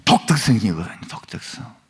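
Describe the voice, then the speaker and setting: A man's voice: medium pitch, a little fast. A male pastor with a Gyeongsang accent, preaching a sermon and often putting questions to the congregation. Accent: Gyeongsang Korean. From Gyeongsang province, Korea. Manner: animated preaching, asks the crowd questions. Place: church sanctuary. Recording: long reverb of a church hall.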